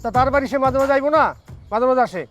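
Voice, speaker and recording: An actor playing a blunt, rude building caretaker who answers curtly. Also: male voice, very high voice, very fast, music in the background. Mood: brusque. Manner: brusque, curt.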